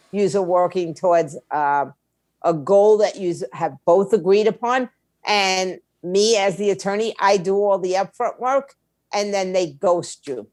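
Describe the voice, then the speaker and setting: Her medium-pitched voice, a little mellow, is captured at studio quality with no room sound. A music attorney and label owner, she speaks as an interview guest, giving frank, conversational advice bluntly and plainly.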